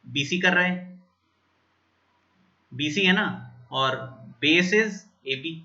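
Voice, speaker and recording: Male maths teacher, high and very bright tone, lo-fi recording. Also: extremely slow. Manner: repeats steps and checks in with students. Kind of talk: whiteboard maths lesson.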